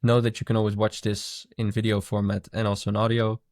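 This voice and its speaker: A man's voice: lowish voice, flat delivery, brisk, a little mellow, no room sound, studio quality. A man co-hosting a podcast in casual chat, thoughtful and musing as he talks. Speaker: podcast co-host.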